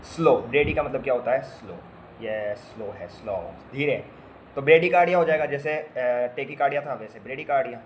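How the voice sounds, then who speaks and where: A man teaches nursing students basic medical terms in an easygoing lecture, speaking fairly quickly in a mid-range voice. He spells out word parts, repeats them, and quizzes his listeners with playful comments. A little hiss or hum runs under the recording.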